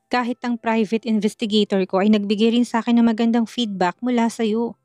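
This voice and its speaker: A woman's voice: on the high side, fairly even intonation, brisk, a little mellow, dry recording, clean studio sound, lightly acted. A woman voicing a stern older mother-in-law. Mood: tender. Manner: firm, scolding yet tender. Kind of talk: storybook narration. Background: faint music.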